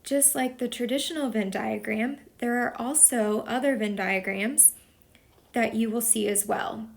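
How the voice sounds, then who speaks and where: A woman teacher from Texas patiently explains a lesson step by step as a voice-over for a whiteboard video, in slow explanatory narration. Her voice is a little high and gravelly, at a measured pace.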